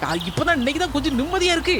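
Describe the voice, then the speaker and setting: A woman's voice: sits high, racing, noisy background, natural voice. A woman voicing a chatty young woman in a cartoon, bantering. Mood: relieved. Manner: gossiping, lively banter. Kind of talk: cartoon voice acting.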